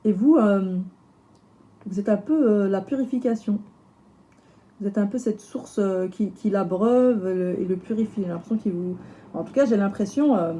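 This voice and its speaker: A woman with a slightly hoarse voice, chatting casually through a tarot reading with lots of fillers and restarts. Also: mid-range voice, dark tone. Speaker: tarot reader.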